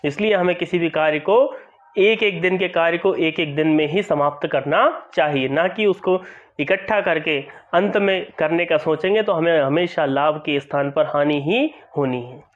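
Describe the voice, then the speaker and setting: A male teacher with a high voice walks through a school lesson, explaining each line and repeating phrases to make them clear. The recording sounds dull and lo-fi. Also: moderate pace.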